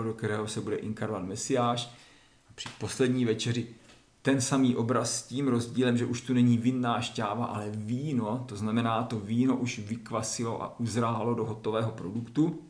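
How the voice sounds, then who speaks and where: A man giving a spoken lecture that explains religious texts step by step, often pausing to clear his throat. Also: medium pitch. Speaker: lecturer on esoteric Christianity. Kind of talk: spoken lecture with Bible reading. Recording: roomy echo.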